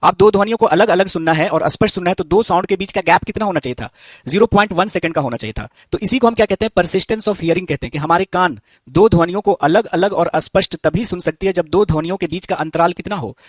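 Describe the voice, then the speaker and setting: A male teacher with a fairly high voice gives a physics lesson to students. He asks the class a question, answers it himself, and repeats each key term slowly. The sound is close and dry, with no room echo. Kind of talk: live online physics lesson.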